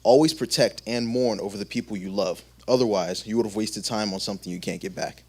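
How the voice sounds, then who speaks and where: A man giving an earnest, measured spoken monologue on stage. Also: lowish voice, darkish tone.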